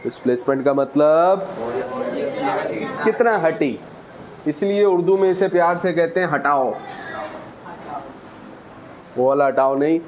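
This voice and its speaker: Question-and-answer physics teacher. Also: male voice, a little high, measured pace, long pauses, crowd noise. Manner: asks students questions and answers them himself. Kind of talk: classroom lecture.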